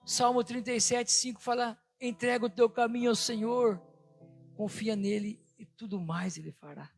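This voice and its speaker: A pastor preaching a sermon with a personal testimony, impassioned and fervent. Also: male voice, very high-pitched, moderate pace, soft background music. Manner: impassioned, rising to excited retelling.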